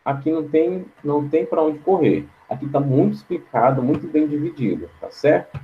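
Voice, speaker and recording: A man's voice: a little high, moderate pace, slight background noise. Male teacher, lecture, explanatory, repeats words aloud, keeps checking in, slightly muffled audio. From Brazil. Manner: frequent checking tags. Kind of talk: online class lecture.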